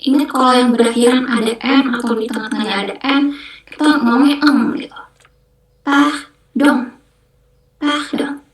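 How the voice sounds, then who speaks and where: A young woman teaching a beginner online language class, explaining slowly and patiently and repeating each word carefully. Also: a little high, steady tone, reverberant, low-quality recording. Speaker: French language mentor.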